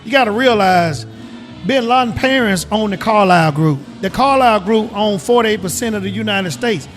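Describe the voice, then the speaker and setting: Mississippi-accented man, emphatic and slow. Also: sits high, soft background music. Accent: Mississippi Southern. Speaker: guest, retired government agent. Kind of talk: casual interview.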